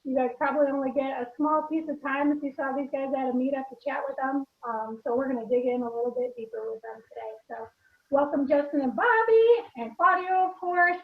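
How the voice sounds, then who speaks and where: High-pitched woman host, chatty, echoey lo-fi video call. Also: a little fast. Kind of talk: casual video call chat.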